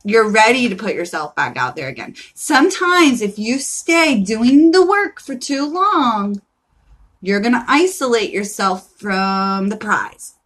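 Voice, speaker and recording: A woman's voice: fairly high pitch, sing-song, unhurried, fairly bright tone, poor audio. A woman reading tarot cards on a live stream, casual and emphatic, with a profane pep-talk style.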